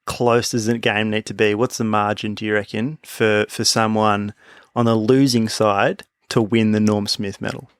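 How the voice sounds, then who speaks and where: A man's voice: on the low side, little pitch movement, moderate pace, clear, resonant tone, no echo, studio quality. A man co-hosting a sports podcast, talking in a thoughtful, musing way and laughing easily. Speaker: podcast co-host. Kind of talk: casual chat.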